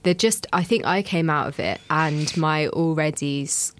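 A woman's voice: low voice, normal speed, a little hiss or hum. A young woman with a posh home counties English accent, chatting casually on a talk show. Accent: posh southeast English, home counties. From England. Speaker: show panelist. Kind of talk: casual chat.

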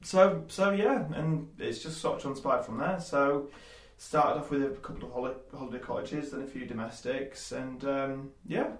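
A man's voice: mid-range voice, normal speed, few pauses, roomy sound. A man in his twenties with a Yorkshire accent, a guest in a casual interview, rambling with many fillers and restarts. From Leeds, England. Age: 20s. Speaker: guest, small business owner.

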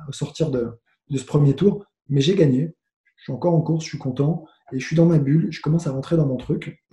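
Man with a dark voice telling a story in a roomy echo. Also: medium pitch. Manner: animated, swearing, many restarts. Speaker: guest, former tennis player. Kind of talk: casual storytelling. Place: home with noise nearby.

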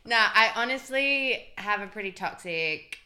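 Bright-voiced, playful woman co-host. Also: mid-range voice, animated. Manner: playful, quick jokes, bursts of laughter. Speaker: podcast co-host. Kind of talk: casual chat.

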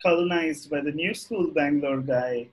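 A man's voice: a little high, normal speed, slightly rough, low-quality recording. A man with an Indian English accent chatting casually and giving opinions as a podcast guest, often repeating and restarting his phrases.

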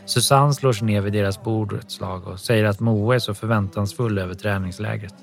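A man narrating an audiobook in a calm, even storytelling manner. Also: lowish voice, gravelly.

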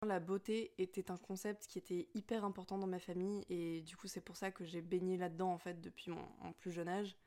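Young woman, slightly low pitch, reflective monologue, hesitant, restarts often. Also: little pitch movement, fairly quick, hardly any pauses, warm tone. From Spanish and Portuguese family. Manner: hesitant, many fillers and restarts.

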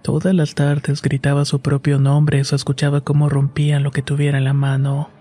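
A man narrating a scripted horror story in a steady, unhurried way. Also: fairly high pitch, soft background music.

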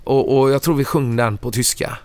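A middle-aged man, a touring musician, telling anecdotes in a casual, animated way. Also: medium pitch. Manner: animated, acts out quoted lines in a raised voice.

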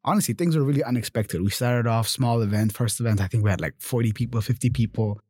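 A man in his twenties, born in Germany, telling his story in a casual interview, animated, often adding "you know" and "right?". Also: mid-range voice, fast, no room sound, studio quality. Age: 20s. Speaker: guest.

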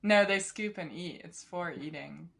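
A woman co-hosting a podcast, chatting casually in a teasing, expressive way. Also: lowish voice, unhurried, creaky. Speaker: podcast co-host.

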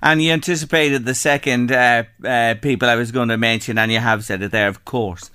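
A man's voice: mid-range voice, fairly even intonation, brisk, sharp tone, smooth, no room sound, clean studio sound. An Irish man presenting a chatty local radio show in an effusive, folksy manner, with plenty of rhetorical questions.

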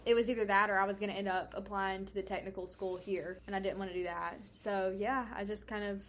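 A young woman who works as a hairstylist, chatting on a podcast. She tells her story candidly and swears casually. Her pitch is at a typical middle level for a woman. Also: fairly even intonation, fast talker. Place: United States.

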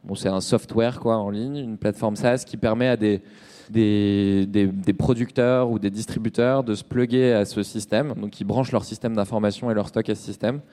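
A thirties-aged man from Nantes, France, a startup co-founder appearing as a podcast guest, chats casually in an interview, his phrasing slangy and hesitant with lots of trailing tags. His voice is fairly low, warm and steady, moving at a moderate pace. The sound carries the echo of a big room.

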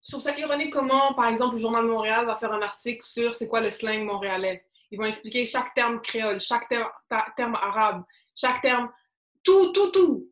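Brief: young Quebec woman, mid pitch, slangy and emphatic, recorded in a roomy, echoey space. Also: fairly quick, a bit bright. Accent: Quebec French. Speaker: panel discussant. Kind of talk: casual discussion. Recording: echoey room.

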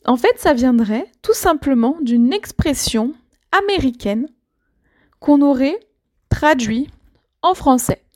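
A woman with a high voice teaches an idiom to learners. She talks slowly and clearly, with patient explanations and many small fillers. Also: animated, darkish tone. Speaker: French teacher.

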